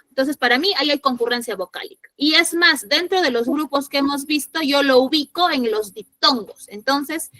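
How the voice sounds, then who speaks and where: Woman teacher, high and bright voice, patient, repeats herself, keeps checking the class understands. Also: no room sound, low-quality recording. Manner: patient, repeats points and asks rhetorical check questions; voices imagined student objections. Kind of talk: classroom grammar lesson.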